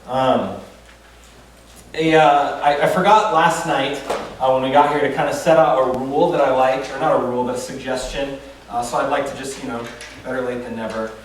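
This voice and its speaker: At a church retreat, a pastor gives a casual, conversational sermon full of fillers and self-deprecating humor. His mid-range voice is steady in tone and moderate in pace, but he is far from the mic in a very echoey room with slight background noise.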